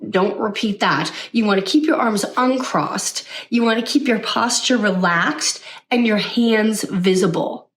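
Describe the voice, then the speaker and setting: A woman coach talks with lively, high energy in a chatty teaching style, often checking in with a quick "right?". Her voice sits at a middling pitch and sounds a little distant from the microphone. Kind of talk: teaching to camera.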